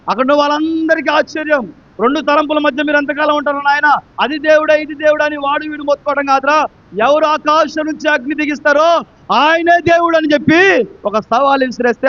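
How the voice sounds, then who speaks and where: A man from Andhra Pradesh with a Telugu accent, preaching a sermon and acting out the characters, dropping quiet and then swelling loud. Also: extremely high pitch, lo-fi sound. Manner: dramatic storytelling preacher, acts out the characters, swings between quiet and loud. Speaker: pastor.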